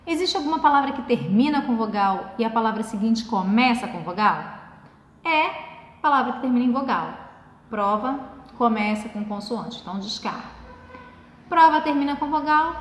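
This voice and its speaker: A woman teacher giving a recorded lesson, patiently explaining step by step and asking her class questions. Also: high voice. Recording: echoey room with long reverb.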